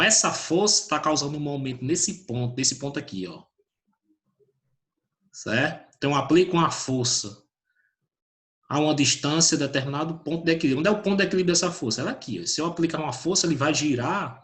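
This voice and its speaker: Man teaching physics online. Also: mid-range voice. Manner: lively, calls out students by name, asks questions and answers himself.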